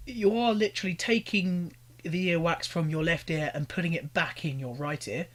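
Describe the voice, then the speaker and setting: A man's voice: a little high, normal speed. A young British man giving exasperated, ranting reaction commentary, pleading with the people on screen. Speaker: commentary YouTuber.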